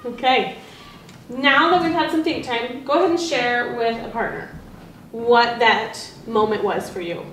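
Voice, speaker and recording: Practicing classroom teaching in front of colleagues, a woman with a fairly high, slightly bright voice works through a read-aloud lesson at a measured pace, posing questions and warmly repeating the answers. Faint noise and echo fill the indoor room, picked up by a distant mic.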